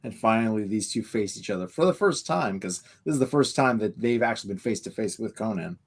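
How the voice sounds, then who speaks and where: Low-voiced guy chatting about a novel, dry and relaxed. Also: fast talker. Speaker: podcast co-host. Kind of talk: casual book discussion.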